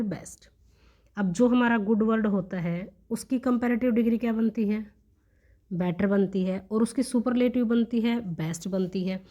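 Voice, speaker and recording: A woman teaching English grammar for competitive exams. She reads example sentences out slowly and deliberately, then explains them in a conversational way and checks that the class has understood. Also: medium pitch, mellow. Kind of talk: exam-prep grammar lesson, Hindi mixed with English.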